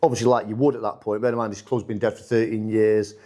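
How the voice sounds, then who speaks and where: A man, a football manager talking casually in a podcast interview, rambling with many restarts and lively when he quotes others. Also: on the low side, quick pace.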